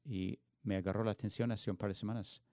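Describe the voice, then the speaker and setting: A man's voice: fairly low pitch, fairly even intonation, quick pace, warm tone, no room sound, studio quality. A man preaching a sermon in an earnest, emphatic way, often restarting words mid-phrase. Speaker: pastor.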